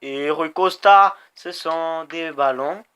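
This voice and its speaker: A man playing a cycling game, commentating excitedly, swearing and cheering his riders on. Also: a little high, takes it slowly. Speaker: gamer. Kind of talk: let's-play commentary. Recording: background noise.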